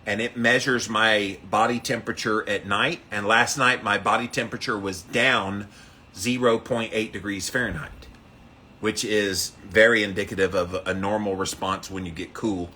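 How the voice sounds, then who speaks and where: A man with a bright, forceful voice hosts a casual livestream. He is upbeat, often repeats himself, and calls out viewers as he reads their comments. There is faint noise and outdoor ambience around him. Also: fairly low pitch, fairly even intonation, moderate pace. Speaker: livestream host of a daily ice bath challenge.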